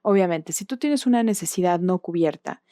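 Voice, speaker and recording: A Mexican woman hosts her podcast in a relaxed, explanatory monologue, often checking in with a questioning tag at the end of a thought. Her voice is warm and mellow, and it is recorded dry and close, with no room sound. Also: on the low side, fairly quick, dry recording. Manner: explanatory, often ending points with questioning tags. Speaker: podcast host.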